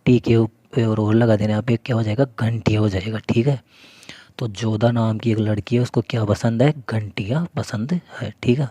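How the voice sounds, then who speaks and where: A man gives a mnemonic lesson in a low, flat voice. He calls listeners his friends, poses a question and answers it himself. The sound is dry and close, with a mellow tone. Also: normal speed, hardly any pauses, dry recording. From Rajasthan, India. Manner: addresses viewers as friends. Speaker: exam coaching teacher.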